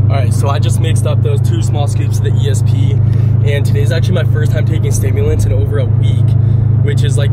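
Heavy background noise surrounds a young fitness vlogger as he walks through his house and discusses his training, his medium-pitched voice easygoing and rambling, stuffed with "like." The footage moves between house and car, shot on a handheld camera and later switching to a voice-over mic.

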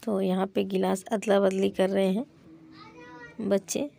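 A young mother vlogging her day at home chats plainly while cooking in her small kitchen, frequently starting lines with "to" as a filler. She speaks at a measured pace in a level tone, her mid-range voice warm and creaky.

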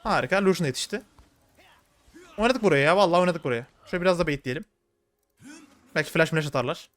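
Male gaming streamer, high voice, very fast play-by-play commentary. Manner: rapid, excitable, slangy, talking to viewers. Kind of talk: live gameplay commentary.

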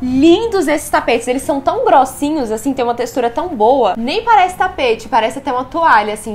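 Young Brazilian woman vlogger, high voice, gushing and chatty, with a faint hiss behind her. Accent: Brazilian Portuguese. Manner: gushing, enthusiastic, often addresses viewers. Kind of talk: casual haul vlog.

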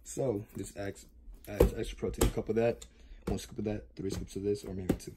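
A man's voice: on the low side, fairly even intonation, normal speed. A young man giving a casual vlog demonstration in a home kitchen, recorded on a camera. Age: young adult. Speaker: vlogger. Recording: noisy kitchen, vacuum running.

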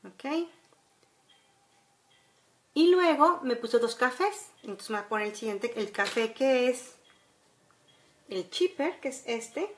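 Slowly and expressively, with long pauses, a woman in her forties with a Mexican accent talks viewers through a casual makeup tutorial. Her voice is fairly high, there's slight background noise, and she's in a room at home by a window, chatty and instructional with frequent checking tags.

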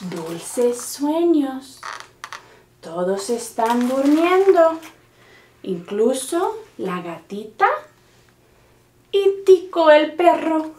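A woman librarian reading a picture book to young children during story time, talking slowly and gently and coaxing them to hush and count along. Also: high voice, sing-song, a little hiss or hum. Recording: roomy echo.

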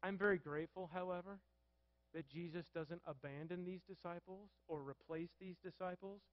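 A man's voice: high-pitched, normal speed, dry recording, dull audio. A man preaching a sermon as a pastor, asking the congregation questions and reading scripture aloud.

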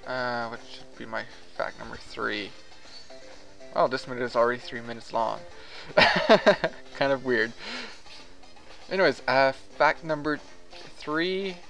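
A gaming vlogger whose first language is French rambles casually over his gameplay, hesitant and full of fillers. His medium-pitched voice is gravelly and a bit bright, slow with long pauses. Faint music plays behind him, and the recording is low quality.

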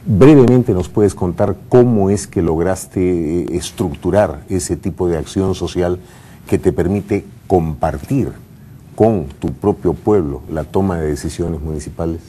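Deep mellow older male TV host. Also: measured pace, a little hiss or hum. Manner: formal, animated, questioning. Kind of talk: TV talk show hosting. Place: TV news studio.

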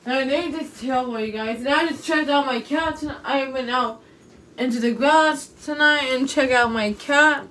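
A young woman with a sore throat rambles to her viewers in a casual vlog, filmed on a phone camera propped nearby in a small room. Her high-pitched voice has a fairly bright tone and a moderate pace, and she repeats herself often with many fillers.

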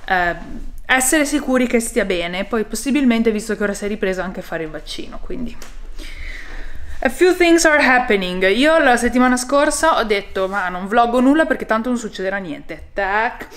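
A young woman vlogging casually at home in her kitchen, chatty and animated, now and then dropping English phrases. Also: a little high, normal speed. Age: young adult. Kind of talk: casual vlog chat. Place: home loft kitchen, indoors.

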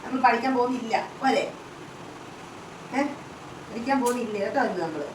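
A woman's voice: a little high, animated, rapid-fire, background noise. A woman filming a casual family vlog at home, talking to the viewers and coaxing her small child in a sing-song way. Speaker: vlogger and mother.

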